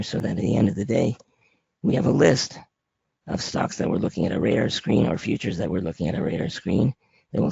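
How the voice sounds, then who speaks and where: A man with a raspy, papery, hoarse voice presenting an informal slide lesson as an instructor, plain-spoken and conversational. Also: on the low side, mellow, dry recording. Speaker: trading instructor presenting a webinar. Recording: dry, muffled lo-fi audio.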